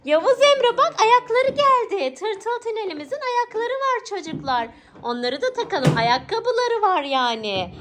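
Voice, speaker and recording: Brief: very high-pitched woman, playful mom host, noisy home video. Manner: playful and animated, often laughing. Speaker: mother and channel host. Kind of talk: casual family vlog narration. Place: family home indoors.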